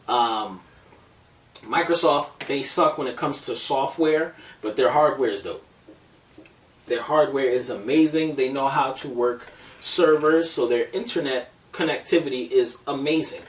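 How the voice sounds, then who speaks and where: A man in his thirties hosting a casual gaming podcast, talking in a profane, joking, animated way. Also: on the high side. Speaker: podcast host. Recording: roomy distant mic with faint noise.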